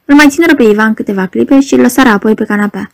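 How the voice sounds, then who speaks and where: A woman narrating a novel in a steady, scripted audiobook reading. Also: fairly high pitch, creaky.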